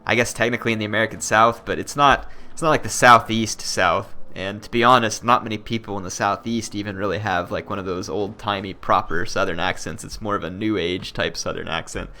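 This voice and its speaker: A man's voice: fairly low pitch, fairly even intonation, fairly quick, few pauses, bright, forceful tone. A man from Oklahoma hosting a strategy game video, talking in a rambling, chatty way and saying y'all. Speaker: gaming channel host. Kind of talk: casual let's-play commentary.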